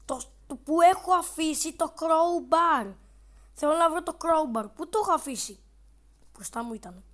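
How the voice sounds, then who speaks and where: A woman with a high voice narrating her own gameplay. She is excitable and jumpy, yelling back at the game at some moments and muttering quietly to herself at others. She swears now and then and talks straight to her viewers. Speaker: gaming video creator. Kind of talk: let's-play commentary.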